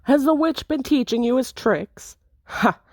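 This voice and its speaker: A woman's voice: high-pitched, animated, measured pace, no room sound, pitched above the performer's own voice, full character voice. Woman playing a brash masked swordsman man, cocky, theatrical, swaggering, dry close sound. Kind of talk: reading a visual novel aloud.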